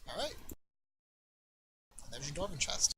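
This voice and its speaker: A man's voice: fairly high pitch, sing-song, unhurried, sharp tone. Guy dm-ing a dnd game, casual, lots of explaining, noisy room behind him. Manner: explains rules and loot at length, casual. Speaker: dungeon master. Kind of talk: running a tabletop game.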